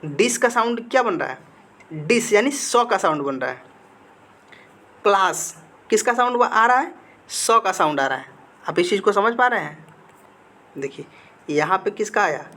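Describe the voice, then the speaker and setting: A man's voice: high voice, lively intonation, moderate pace, pauses often, pushed and bright. Man teaching grammar in a question-and-answer style. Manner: asks the class questions, then answers them himself; repeats key words for emphasis. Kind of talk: classroom-style lesson with slides.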